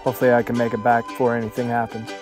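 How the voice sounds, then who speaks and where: Speaking very fast in a mid-range voice over music, a middle-aged man vlogs outdoors at a forest camp by a mountain lake, his phone held at arm's length. The solo backpacker is easygoing to begin with and becomes excited as the storm rolls in.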